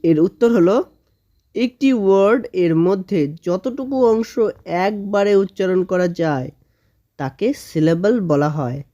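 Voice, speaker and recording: A woman teaching a grammar lesson for children, slowly sounding out words syllable by syllable and often checking in with her students. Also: medium pitch, dark tone, lo-fi sound. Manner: slow drawn-out spelling of words, syllable by syllable; frequent "okay?" check-ins with students.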